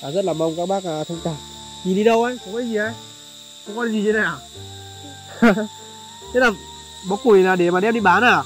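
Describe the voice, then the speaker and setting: A man hosting a charity vlog outdoors in a highland village, talking politely to viewers with many fillers. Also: quick pace, a bit bright, faint music behind, low-quality recording. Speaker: charity vlogger. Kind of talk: vlog narration and chat on location.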